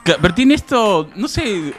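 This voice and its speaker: A man's voice: high-pitched, big pitch swings, fairly bright tone, faint music behind. A man, hosting a casual podcast chat and teasing his co-host. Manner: joking, quick to tease.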